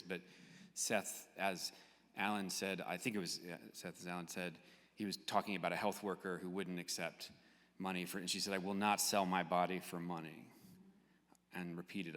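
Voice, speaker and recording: In a large hall at a live public event, a man moderates an audience discussion, speaking spontaneously in a searching, halting way. His voice is low and a bit bright with little pitch movement, and the hall is echoey with long reverb.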